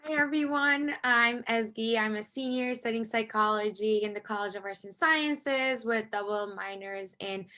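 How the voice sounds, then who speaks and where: A woman's voice: fairly high pitch, moderate pace, few pauses, sharp tone. A young woman from Turkey, a student panelist introducing herself in a cheerful, eager way. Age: young adult.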